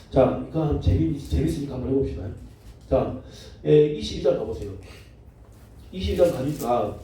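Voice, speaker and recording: A man pastor teaching a Bible class, telling the story in a lively way, joking and acting out the people in it. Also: on the high side, a little hiss or hum. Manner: lively storytelling, jokes, acts out quotes. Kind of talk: Bible lecture. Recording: very echoey room, mic far off.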